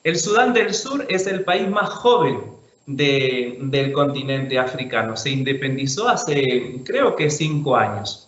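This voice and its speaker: Male priest presenting over a video call; easygoing, halting delivery, echoey and muffled. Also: mid-range voice. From Chile. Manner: relaxed, thinks aloud with fillers and restarts. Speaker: priest giving a talk. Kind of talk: online talk with slides. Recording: roomy, dull video call audio.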